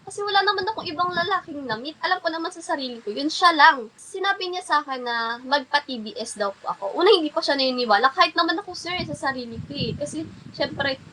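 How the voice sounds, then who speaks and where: A woman with a high, bright voice tells her story in an interview, speaking politely and a little haltingly. She keeps restarting her sentences and stays deferential to the interviewer. A faint hum of ambient noise sits behind her. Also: animated, rough recording. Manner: polite and hesitant, keeps addressing the interviewer respectfully; halting, with many restarts and fillers. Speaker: interview guest.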